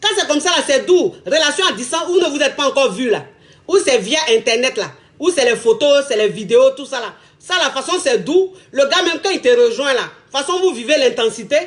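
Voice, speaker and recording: A woman's voice: high-pitched, lively intonation, brisk. A woman giving casual relationship advice, chatty, repeating phrases and laughing often.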